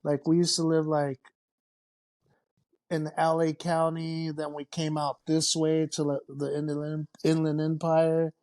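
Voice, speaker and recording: Talking casually as a guest on a podcast, a man from Mexico keeps things loose with plenty of filler words and curses. He speaks a little slowly in a fairly high voice.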